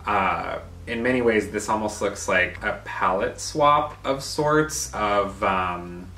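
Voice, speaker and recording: A man's voice: lowish voice, slow pace, sharp tone, slight background noise. A young man co-hosting a casual doll review chat, chatty and enthusiastic. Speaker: co-host of a doll collecting channel. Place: living room. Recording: roomy sound from a distance with faint music.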